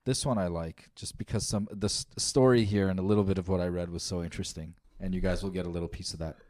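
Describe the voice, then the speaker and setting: Male quiz host, lowish voice, casual, trips over words as he reads. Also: fairly even intonation, a little mellow. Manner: reads questions with halting restarts and stumbles over words. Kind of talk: casual podcast chat.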